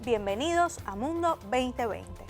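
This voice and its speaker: High-pitched woman presenting over music. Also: animated, unhurried. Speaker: programme presenter. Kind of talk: scripted broadcast presentation.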